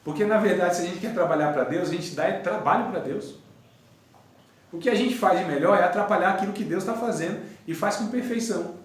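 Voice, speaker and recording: A man's voice: sits high, brisk. A man teaching a conversational theology class in a classroom, telling stories and joking with his students. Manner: storytelling, chatty, laughs with class. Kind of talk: conversational church class lesson. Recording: echoey classroom from far off.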